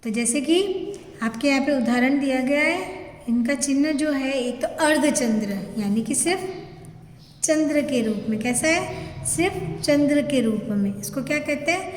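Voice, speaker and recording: A woman teaches a grammar lesson in a high, clear voice. She repeats each term and keeps checking in with the class. Her voice rings through a roomy space with a long echo. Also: moderate pace. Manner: explains step by step, repeats terms, checks with "thik hai"; asks questions and answers them herself. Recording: echoey room with long reverb.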